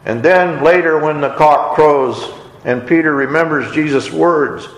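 In an echoey hall, a man with a fairly high voice preaches a sermon at a measured pace. He retells a story and briefly acts out the characters' lines with expression.

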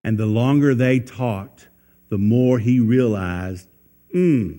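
A man's voice: medium pitch, slow pace, warm tone, long reverb tail. A man preaching a sermon, folksy, asking his listeners questions and acting out the people in the story. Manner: folksy, asks the listeners questions, acts out quotes.

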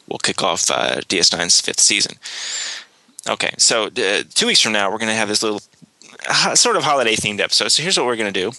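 On a dry, poor-quality recording, a man with a lowish, gravelly, sharp voice hosts a podcast and gives offhand announcements. He keeps restarting and filling gaps with filler words, and a mild cold can be heard.

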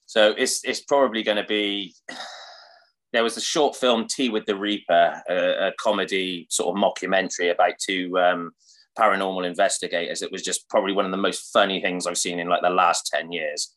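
A man's voice: deep voice, fairly even intonation, moderate pace, fairly bright tone, poor audio. A man chatting casually about films he loved, enthusiastic and full of 'sort of' and 'like'. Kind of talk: casual chat.

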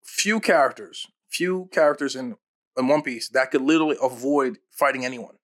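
A man's voice: mid-range voice, fairly bright tone. Agreeable man in casual podcast chat. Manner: agreeable, echoes partner, quick affirmations. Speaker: podcast co-host.

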